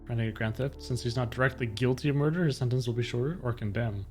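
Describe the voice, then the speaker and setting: A man's voice: mid-range voice, fast talker, darkish tone, faint music behind. A man doing casual game playthrough commentary as a streamer, offhand, muttering and dropping into sing-song filler.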